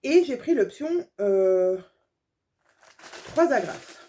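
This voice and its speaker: French woman showing off sewing supplies, mellow voice, chatty and gushing. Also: medium pitch, lively intonation, takes it slowly. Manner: chatty, gushing over small details, many fillers. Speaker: sewing vlogger. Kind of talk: casual haul video.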